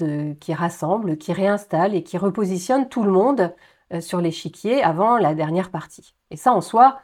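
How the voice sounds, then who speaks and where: A woman speaking to her viewers as the host of her own review channel. Her delivery is animated and expressive, rising with excitement at the big points. She drops in small hesitation fillers as she works through her thoughts. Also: fairly low pitch. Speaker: YouTube host reviewing episodes of a TV series. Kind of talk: enthusiastic video commentary, partly scripted.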